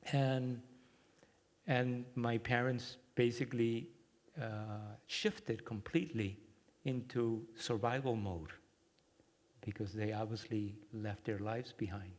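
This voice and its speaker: A man from Cuba giving a workshop talk and guiding a short meditation, speaking gently and reflectively with many pauses. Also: medium pitch, fairly even intonation. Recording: long hall reverb.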